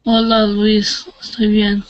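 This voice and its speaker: A man's voice: high-pitched, completely flat delivery, slow, muffled recording. An Italian man whose first language is Italian, a student who gives short, hesitant answers in class. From Italy. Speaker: student, waiter.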